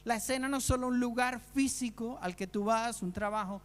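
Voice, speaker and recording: A man with a high voice preaches a sermon, earnest and searching, full of rhetorical questions for his listeners. His voice rings out with a long reverb trailing after it. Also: a little fast, a bit bright.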